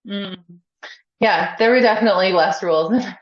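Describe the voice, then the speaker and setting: A woman's voice: medium pitch, moderate pace. A woman guest on a podcast talking candidly in a casual chat, laughing often and saying "like" a lot. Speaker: podcast guest, faith coach. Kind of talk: casual conversational interview. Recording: echoey, slightly dull podcast audio.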